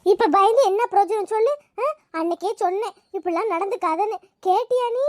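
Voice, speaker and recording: Cartoon: woman doing a nagging grandma, very high, dry close mic. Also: a little fast, no echo. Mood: scolding. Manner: scolding, grumbling. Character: sharp-tongued old village grandmother, nagging. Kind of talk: cartoon voice acting.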